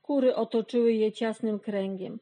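A woman narrating a children's storybook in a gentle, measured way. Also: a little high, steady tone, lo-fi sound.

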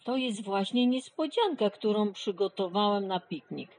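A woman's voice: medium pitch, animated, moderate pace, a little mellow, a little hiss or hum, natural voice. A woman voicing a wise, good-natured male horse in a children's storybook. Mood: kindly.

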